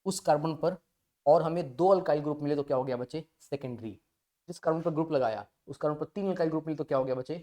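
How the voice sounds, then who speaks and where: This chemistry teacher's voice is fairly high and dark, and he speaks quickly. Teaching an online class, he uses a teasing call-and-response, asking students questions and answering them on his own.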